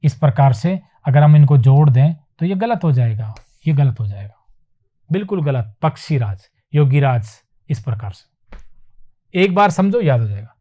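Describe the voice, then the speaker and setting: High-voiced man teaching at a whiteboard. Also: animated, muffled recording. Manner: repeats words slowly for emphasis, asks and answers himself. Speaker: Hindi teacher. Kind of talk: classroom lecture on spelling. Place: classroom with whiteboard.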